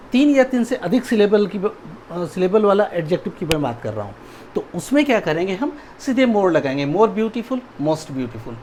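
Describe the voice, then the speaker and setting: A man's voice: high voice, darkish tone, slight background noise. A male teacher giving a grammar video lecture, spelling words out letter by letter and often asking whether the class has understood. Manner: keeps checking understanding with "ठीक है" and "समझ में आया?".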